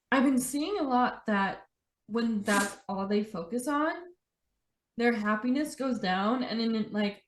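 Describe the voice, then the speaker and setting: A young adult woman hosting a podcast in a relaxed conversation, talking chattily and saying "like" a lot. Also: mid-range voice. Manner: chatty, says "like" often. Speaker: podcast host. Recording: roomy echo.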